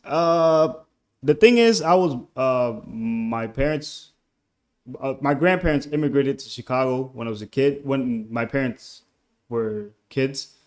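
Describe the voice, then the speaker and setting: Speaking with a Puerto Rican accent, a young musician from Puerto Rico whose first language is Spanish joins a casual call-in interview. At a measured pace and mid-range pitch, he comes across soft-spoken and hesitant, repeatedly drifting off before finishing a thought.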